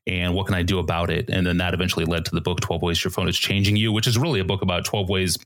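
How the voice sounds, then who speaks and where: Man, very low voice, relaxed podcast guest, thoughtful, unhurried fillers. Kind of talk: casual interview talk.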